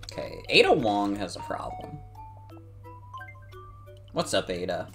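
A game streamer chatting casually and commenting live in an animated, exclamatory way, with some swearing. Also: deep voice, takes it slowly, soft background music.

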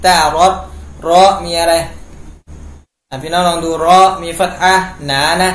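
In an echoey home room with faint background noise, a man gives a step-by-step Quran recitation lesson at normal speed. His voice sits on the high side with fairly even intonation, and he patiently explains pronunciation rules after reciting each phrase.

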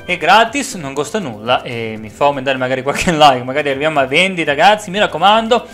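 A man giving live commentary over his racing game as a streamer, swinging from low mutters to frustrated yells. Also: a little fast, soft background music. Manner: excitable, swings from mutters to yelling. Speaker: gaming streamer.

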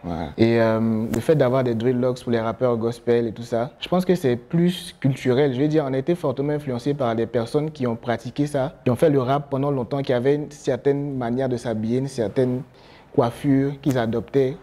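A young man with an Ivorian French accent, a gospel rapper answering interview questions in a relaxed way, often pausing with fillers. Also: medium pitch. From Côte d'Ivoire. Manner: relaxed, gestures a lot while talking, frequent fillers. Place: studio with branded backdrop, seated.

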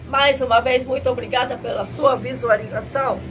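A woman's voice: sits high, fairly even intonation, fairly quick, music in the background. A middle-aged woman presenting a tasting vlog in a cutesy anime-streamer manner, sprinkling in Japanese catchphrases. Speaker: vlogger reviewing drinks. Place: tiled home room at a table. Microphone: camera a short distance away. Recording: clear ambient room noise.

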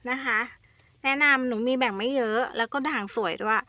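A woman giving a casual sales pitch to her viewers, chatty and coaxing, sweetly addressing them as elder siblings and repeating words playfully for emphasis. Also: a little fast, pushed and bright, no echo. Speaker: plant seller.

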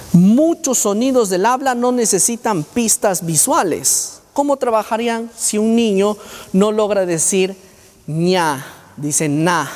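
A man's voice: high voice, darkish tone. Male lecturer, quizzing and demonstrating sounds, reverberant hall. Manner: quizzes the audience and demonstrates speech sounds aloud. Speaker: speech therapist giving a university lecture. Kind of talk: lecture to students.

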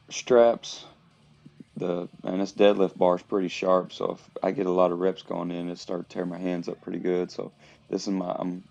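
A man vlogging at the gym, explaining his training between sets in a plain, halting way with lots of fillers. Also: sits low, vocal fry, a little mellow, lo-fi sound. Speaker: fitness vlogger. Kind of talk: casual talk to camera between lifting sets.

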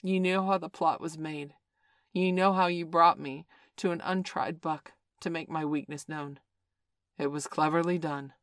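A proud old male wolf who leads the pack and speaks in formal, challenging words, as a reader puts him on. The voice sits mid-pitch in a dry, close recording. He comes across as a storybook figure. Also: fairly even intonation, measured pace, fairly bright tone, no echo. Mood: defiant. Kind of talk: storybook read-aloud.

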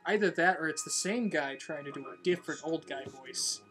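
A woman's voice: low voice, a little fast, music in the background. A woman giving casual, wry commentary while playing a video game. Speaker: player commentating a game playthrough.

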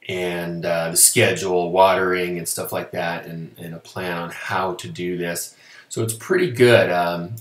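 A man in his thirties casually reviewing a product at his webcam, chatty, with lots of fillers. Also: low voice. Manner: relaxed, chatty, many fillers and restarts. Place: small indoor room. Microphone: webcam at desk. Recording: echoey room.

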